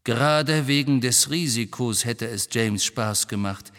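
A man's voice: medium pitch, fairly bright tone, in a large hall, close to an everyday voice. A man doing a bitter, restless outlaw. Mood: tense, bitter. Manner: reassuring, brisk, with an edge of bitterness.

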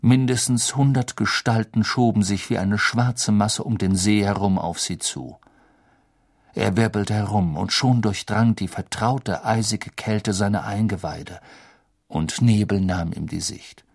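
A man narrating an audiobook in a dramatic, expressive storytelling manner. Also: fairly low pitch, measured pace, creaky.

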